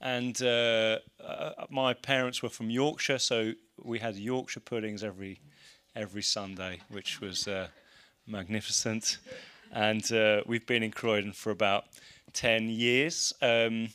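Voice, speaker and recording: A man's voice: mid-range voice, a little slow, bright, forceful tone. An English man presenting an informal seminar in an explanatory, slightly hesitant way. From English Midlands. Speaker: church leader presenting a seminar.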